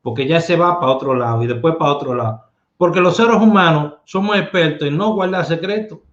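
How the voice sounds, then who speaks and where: A man's voice: fairly high pitch, a little fast, fairly bright tone. A man giving streetwise advice in a casual monologue, emphatic and full of rhetorical questions. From Dominican Republic. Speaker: lottery numerologist host. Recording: echoey room, dull lo-fi sound.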